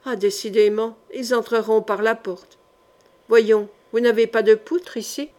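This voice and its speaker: A woman voicing a fearless male knight who speaks quietly and dryly, with unhurried calm. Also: fairly high pitch, natural voice. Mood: coolly calm.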